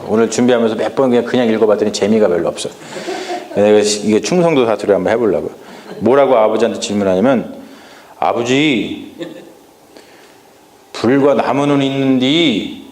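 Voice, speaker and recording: A man's voice: on the low side, mellow. Male pastor, sermon delivery, asks the room questions, echoey sanctuary sound. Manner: questions the congregation, acts out Bible lines in dialect. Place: church sanctuary. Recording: echoey church hall.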